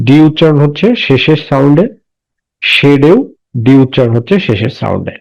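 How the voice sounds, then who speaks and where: Gravelly-voiced man teaching a slow lesson. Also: mid-range voice, a little mellow. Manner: asks questions and answers them himself, slow deliberate English readings. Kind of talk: classroom lesson explaining English words in Bengali. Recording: dull lo-fi recording.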